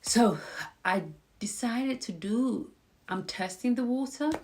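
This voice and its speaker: A woman with a slightly high, darkish voice hosts a relaxed live stream, taking her time as she chats with viewers and cheers them on. She has a cold, and it shows a little in her voice.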